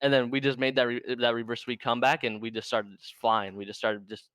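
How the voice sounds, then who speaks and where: Male guest, mid-pitched, laid-back, filler-heavy, clean dry close sound. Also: flat delivery, fairly quick, a bit bright, clear, resonant tone, no echo. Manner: laid-back, says "like" constantly. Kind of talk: casual chat.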